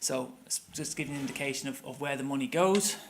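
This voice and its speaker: A middle-aged tour operator from England speaks quickly at medium pitch, his Manchester accent clear through slight background noise. His conference-room presentation is conversational, with plenty of fillers and restarts.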